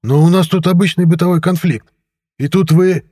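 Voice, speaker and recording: Figure: a man voicing a shrill hysterical restaurant director. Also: normal speed, slightly rough. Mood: shrill, agitated. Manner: shrill, excited, flustered. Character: hysterical middle-aged male restaurant director under mind control.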